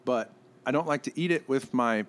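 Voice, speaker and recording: A man's voice: medium pitch, moderate pace. A man, a restaurant co-owner and chef, chatting casually on a podcast and telling wry stories with acted-out quotes. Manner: wry storyteller, acts out quotes.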